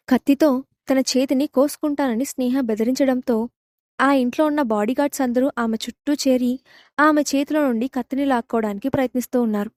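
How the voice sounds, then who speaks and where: A woman narrating a romance audio story in a steady, even reading voice. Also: high voice, dry recording, studio quality.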